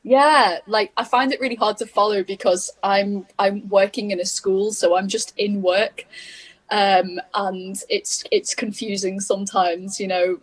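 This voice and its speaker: A woman's voice: mid-range voice, steady tone, unhurried, husky. A woman with a Liverpool accent, a guest singer-songwriter on a video call, chatting in a meandering way and laughing easily. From England. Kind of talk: casual chat.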